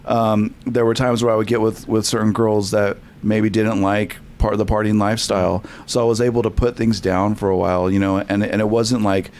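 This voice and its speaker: Young guy on a podcast, lowish voice, lots of um and restarts, just telling his story. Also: flat delivery, darkish tone, a little hiss or hum. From California. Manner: halting, many restarts and fillers. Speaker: podcast guest. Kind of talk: candid storytelling interview.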